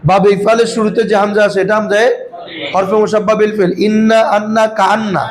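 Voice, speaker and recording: A man's voice: high-pitched, flat delivery, quick pace, crowd noise, low-quality recording. A man teaching Arabic grammar to a class, often quizzing his students and calling them "baba". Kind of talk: classroom lesson.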